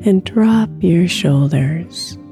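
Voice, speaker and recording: A woman guiding a meditation in a slow, soft way, with long pauses between phrases. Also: fairly low pitch, animated. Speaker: meditation guide. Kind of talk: guided meditation. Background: soft guitar music.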